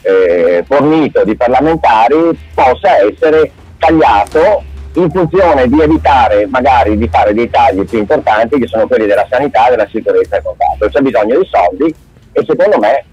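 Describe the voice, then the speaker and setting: A man's voice: mid-range voice, animated, normal speed, a little mellow, slightly rough, dry recording. A man from Padua calling into a radio show on speakerphone, talking hesitantly and repeating words as he searches for them. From Padua, northern Italy. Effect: on speakerphone over a phone call. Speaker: radio caller. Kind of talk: casual call-in chat. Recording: dull, lo-fi speakerphone line.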